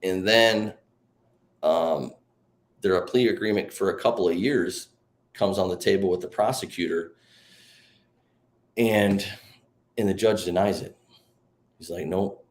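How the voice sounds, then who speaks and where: Guest, male, lowish voice, loose rambling testimony with lots of "you know" and false starts. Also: a little slow, long pauses. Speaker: guest telling his life story. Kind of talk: emotional testimony in a faith interview.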